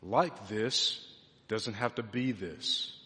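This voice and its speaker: A man, a pastor in his thirties, preaching a sermon with lively emphasis that swings between loud and hushed. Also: on the low side, slow pace. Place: church sanctuary. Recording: long reverb of a large hall.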